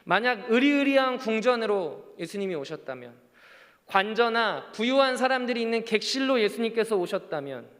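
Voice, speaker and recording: Man, pastor, earnest sermon, high voice, long church echo. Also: big pitch swings, moderate pace, fairly bright tone. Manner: earnest preaching, rising and falling emphasis. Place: church sanctuary.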